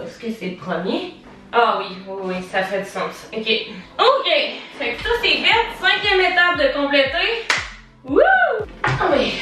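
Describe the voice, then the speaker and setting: A young woman with a Québécois French accent chatting casually and expressively to viewers in a vlog, swearing freely. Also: fairly high pitch. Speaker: YouTube vlogger. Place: home office room, indoors. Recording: roomy echo, distant mic, background music.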